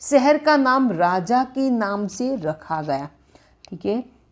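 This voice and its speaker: Female English tutor explaining phrasal verbs at an unhurried pace, repeating every phrase. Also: a little high, sing-song. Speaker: English teacher.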